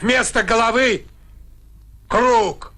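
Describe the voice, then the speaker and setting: A man's voice: very high voice, very slow, pushed and bright, exaggerated voice. An actor playing an unbothered village man in a comedy film, mocking and dismissive.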